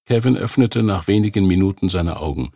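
Male narrator with a low, raspy timbre, measured and even delivery, dry studio read. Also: no room sound. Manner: calm, measured reading. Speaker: audiobook narrator. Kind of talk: scripted narration.

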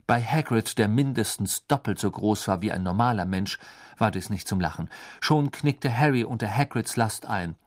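A man reading a novel aloud in calm, measured scripted narration. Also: medium pitch. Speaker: audiobook reader.

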